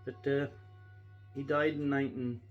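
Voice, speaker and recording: A man's voice: medium pitch, little pitch movement, moderate pace, muffled recording, soft background music. A middle-aged or older Scottish man chatting casually to camera, reminiscing in a rambling, folksy and reflective way. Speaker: pipe-smoking vlogger.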